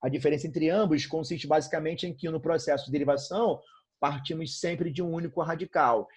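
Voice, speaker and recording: A Brazilian man with a Brazilian Portuguese accent teaches grammar with upbeat energy, repeatedly checking in and calling his students "irmão" and "galerinha." His voice is fairly high and a little fast, a bit mellow and slightly rough, with fairly even intonation.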